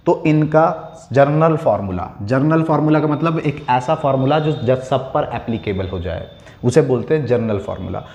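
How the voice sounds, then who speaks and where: A man's voice: mid-range voice, a little mellow. Man lecturing in an echoey room. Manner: explains step by step, asks himself questions and answers them; slows down to dictate key lines. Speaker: chemistry teacher. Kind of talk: classroom lecture.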